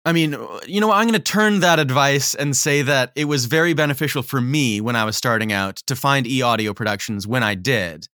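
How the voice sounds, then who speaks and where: A man's voice: mid-range voice, fairly quick, hardly any pauses, sharp tone, clean tone, no echo, studio quality. A male audiobook narrator chatting as a podcast guest, thoughtful and rambling, with many fillers. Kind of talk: casual interview chat. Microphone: home recording setup, headphones.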